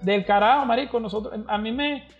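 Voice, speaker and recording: A man's voice: very high voice, brisk. A man, telling stories as a podcast guest in casual, slangy talk and acting out the people he quotes. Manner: animated, slangy, acts out quoted voices. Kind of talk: casual storytelling interview. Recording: slightly dull podcast audio with faint music.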